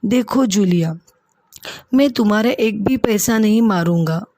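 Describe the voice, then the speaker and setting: A woman's voice: on the high side, lively intonation, slow, no echo, studio quality. A woman voicing a stern, stingy male householder who questions and scolds sharply as he settles wages. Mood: gentle.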